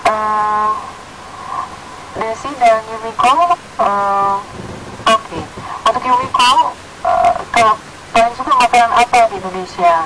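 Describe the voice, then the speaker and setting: A woman's voice: a little high, steady tone, slow, long pauses. A woman hosting a live call-in show, addressing guests and reading out listener messages. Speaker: radio call-in host. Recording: very noisy radio-like recording.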